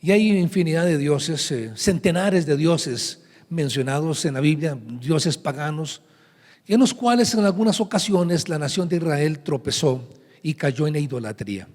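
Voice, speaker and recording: A man's voice: a little high, lively intonation, moderate pace, a little mellow. A man preaching as pastor, teaching and reading scripture aloud to a congregation, recorded live in a large church hall. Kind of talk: sermon.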